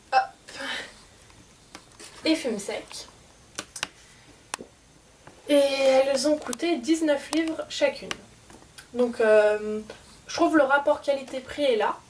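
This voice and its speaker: The speaker, a woman with a high-pitched, slightly mellow voice, chats to the camera about her souvenirs in a casual unboxing vlog, hesitating and leaning on fillers. Recorded off-mic from a distance, the audio has faint background noise.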